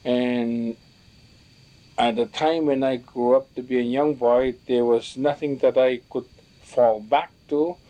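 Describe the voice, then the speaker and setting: A man speaks slowly in a warm, mellow voice, recalling the stories of his elders. He pauses and restarts often, searching for words in a reflective, halting way. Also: mid-range voice, steady tone. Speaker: storyteller recalling teachings from elders. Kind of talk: reflective spoken recollection.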